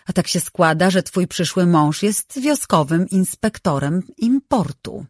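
Narrator doing a mean foster aunt, low snarl through clenched teeth, dry close sound. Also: female voice, expressive, measured pace, a little mellow, no room sound. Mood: sly. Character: cruel harsh foster aunt, snapping and cold.

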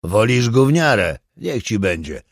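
A cruel armed burglar in a spoken audiobook, mocking and menacing, drawing out his threats slowly in a raised, hard voice, as a male narrator puts him on. The sound is close and dry. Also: lowish voice, big pitch swings, no echo, full character voice. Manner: taunting, slow threatening delivery.

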